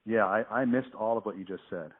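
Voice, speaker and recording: A man's voice: lowish voice, fairly quick, slightly rough. A man talking on a phone call, laid-back and hesitant, with a patchy, cutting-out line. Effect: heard over a phone line. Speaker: artist taking a phone call.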